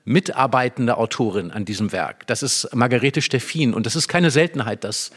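A man in a literary discussion analyzes a play, explaining his points emphatically and acting out short quotes. His medium-pitched voice is a bit bright and slightly rough, at a normal speed.

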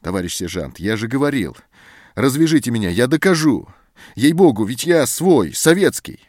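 A man's voice: medium pitch, very animated, moderate pace, darkish tone, no echo, clean studio sound, pitched above the performer's own voice. A man voicing a desperate young man under arrest who pleads in an agitated, strained way. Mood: pleading.

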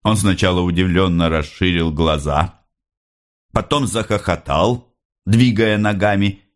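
A man narrating a literary audiobook in a measured, expressive storytelling manner. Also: low voice.

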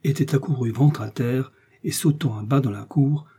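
Husky dark-voiced male narrator. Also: mid-range voice. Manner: measured, dramatic reading. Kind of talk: audiobook narration.

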